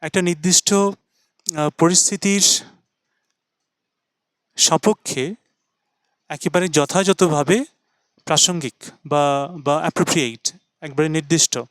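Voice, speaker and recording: A man gives a slow, patient pronunciation lesson, spelling out words and saying each one again and again. His voice is smooth and resonant, set a little high for a man. The sound is dry and close, with no room echo. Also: fairly even intonation. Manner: spells words letter by letter and repeats them slowly; mixes Bengali explanation with English words. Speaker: English pronunciation teacher.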